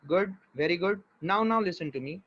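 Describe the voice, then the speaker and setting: A man teaching physics in a live class, mixing Hindi and English, patient and reassuring, walking through each step slowly and often checking that students follow. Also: high-pitched, lively intonation, a bit bright. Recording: dull lo-fi audio.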